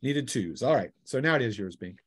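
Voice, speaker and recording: Brisk and animated, this mid-range male voice carries a breathy edge. He narrates a tabletop role-playing game as its game master, casual and off the cuff, throwing in sound effects and cries he acts out himself.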